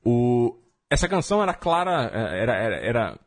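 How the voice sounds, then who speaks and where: A man's voice: mid-range voice, sing-song, moderate pace, dry recording, clean studio sound. A Brazilian man co-hosting a podcast with casual commentary on music. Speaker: podcast co-host.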